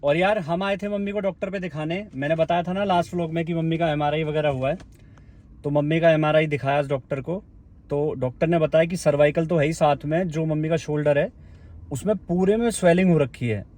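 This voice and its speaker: High-voiced chatty male vlogger. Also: brisk, darkish tone. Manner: chatty, coaxing and consoling. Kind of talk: casual vlog chat.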